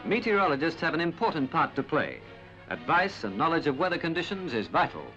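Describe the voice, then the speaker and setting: A man narrates a 1960s documentary with formal, dramatic weight. His voice is a little high and moves in animated swings. The old film soundtrack is dull and band-limited, with some music. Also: brisk.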